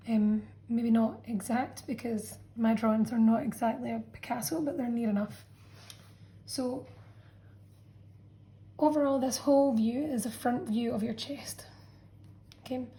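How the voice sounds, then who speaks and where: A woman teacher walks students through a revision lesson in a patient, explanatory way, often pausing to check in. Her voice sits a little high but sounds mellow and warm. It comes across as a friendly classroom explanation. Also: slight background noise, low-quality recording. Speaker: science teacher. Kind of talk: revision lesson narration over a drawn diagram.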